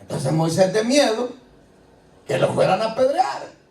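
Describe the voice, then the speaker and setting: A high-pitched, sing-song, unhurried male voice, creaky and darkish in tone, preaches in a church. His sermon is conversational and full of rhetorical questions, heard from a distance in an echoey hall over faint ambience and responses from the congregation.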